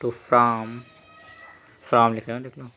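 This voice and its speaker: A man's voice: mid-range voice, flat delivery, slow pace, pushed and bright, smooth, highs cut off. A young man teaching a chemistry lesson while he writes, asking the class questions and repeating key terms.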